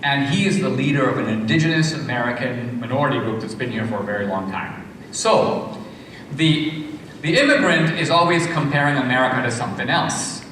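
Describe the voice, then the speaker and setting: A man's voice: medium pitch, brisk, fairly bright tone, a little hiss or hum. A man from India speaking in an emphatic lecture style, counting off his points and asking rhetorical questions. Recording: echoey hall, far from mic.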